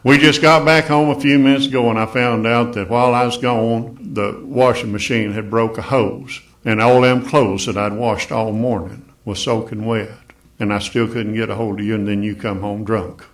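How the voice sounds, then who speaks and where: A man's voice: on the low side, steady tone, moderate pace, a bit bright. A fed-up wife's rant, as a man tells it. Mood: exasperated. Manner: storytelling rant, listing troubles. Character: weary wife at her wits' end.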